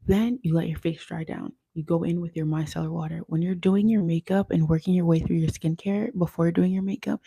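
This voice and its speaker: A woman's voice: lowish voice, gravelly, dark tone, husky, dry recording. A young woman teaching makeup on a casual livestream, chatty and often checking in with "okay?".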